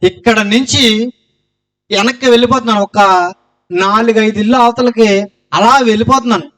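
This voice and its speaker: High-voiced man giving an earnest testimony. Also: normal speed. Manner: earnest storytelling, loud cries of Jesus' name. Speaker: testimony speaker.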